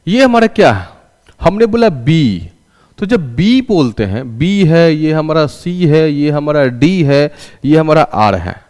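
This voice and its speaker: A man's voice: a little high, big pitch swings, slow pace, darkish tone, big-room sound. A male teacher giving a classroom English lesson, asking questions and answering them himself and having students repeat after him. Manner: calls students "raja".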